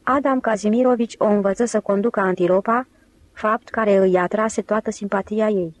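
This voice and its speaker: A woman narrating an audiobook in an even, steady reading voice. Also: medium pitch, no room sound. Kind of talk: scripted narration.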